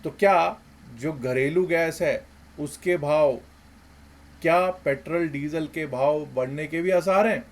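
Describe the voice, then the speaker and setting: A man giving emphatic commentary as a market analysis host, with rhetorical questions and swings between loud and soft. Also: on the high side, slow.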